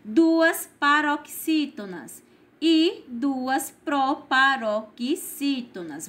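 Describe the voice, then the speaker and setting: A woman with a Brazilian Portuguese accent teaching a primary school class, explaining each exercise slowly and patiently and checking in with "certo?" after her points. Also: high-pitched, bright, forceful tone. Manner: slow, patient, tags lines with "certo?". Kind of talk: recorded remote class lesson.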